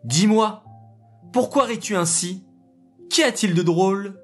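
A storyteller voicing a merchant's wife, an insistent, indignant woman, in a high, demanding tone. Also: a little slow, soft background music, close to an everyday voice. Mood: curious.

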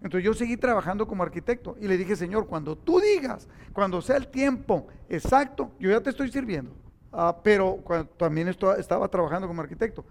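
A man's voice: sits high, brisk, vocal fry, slight background noise. A middle-aged man preaching a sermon, telling personal stories and acting out the dialogue. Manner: animated storytelling, acting out dialogue.

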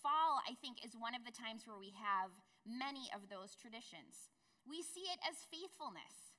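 Woman pastor preaching, kinda high bright voice, chatty asides to the crowd, big echoey church. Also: lively intonation, moderate pace. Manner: conversational preaching with asides to the congregation. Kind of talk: sermon. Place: church sanctuary.

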